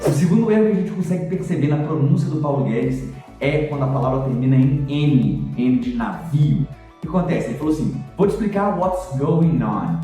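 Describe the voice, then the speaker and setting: A man's voice: medium pitch, a little fast, far from the mic, soft background music. Chatty man teaching in an echoey room. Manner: lively, chatty, demonstrates sounds. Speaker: English teacher. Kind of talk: explanatory video lesson.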